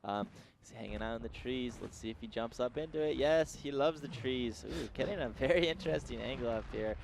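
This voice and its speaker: A man doing live esports commentary as a casual, excitable caster. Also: mid-range voice, a little fast, creaky, crowd noise.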